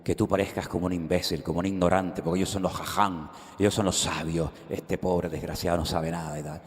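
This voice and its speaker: A man's voice: low voice, fairly quick. Preacher man in an echoing hall. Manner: animated storytelling, acting out dialogue. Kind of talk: sermon. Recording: reverberant hall.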